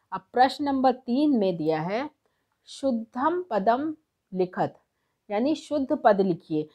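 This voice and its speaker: A woman teaching as a tutor, explaining textbook exercises step by step and slowing down to read verses aloud. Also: on the high side, a little mellow. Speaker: Sanskrit tutor.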